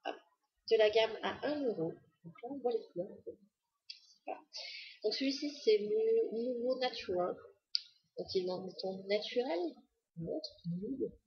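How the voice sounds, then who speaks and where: A woman's voice: a little high, lively intonation, a little slow, slightly rough, highs cut off. A woman chatting casually to the camera in a beauty haul video, enthusiastic and full of fillers. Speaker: beauty vlogger.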